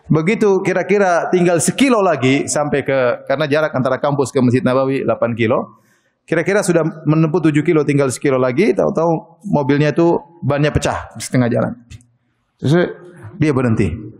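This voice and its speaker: A man's voice: a little high, a little fast, a little mellow. A middle-aged Indonesian man giving a sermon as an Islamic preacher, telling stories with frequent "ya" asides and light laughter.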